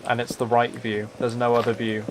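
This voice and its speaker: In a mid-range monotone that runs a little fast, a man hosts a live game stream against a noisy background and music. His chatter is casual and rambling, with a slightly wry take on himself.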